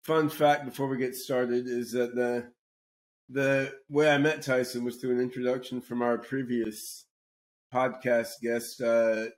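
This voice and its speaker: A podcast host with a middle-pitched male voice opens a casual chat, delivering it flatly. He talks haltingly, tripping over repeated words and starting his sentences over as he introduces the discussion.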